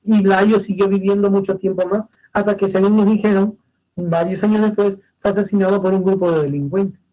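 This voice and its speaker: A man's voice: high voice, steady tone, brisk, mellow, low-quality recording. A man teaching a literature class online, retelling a Greek tragedy animatedly and calling his students muchachos.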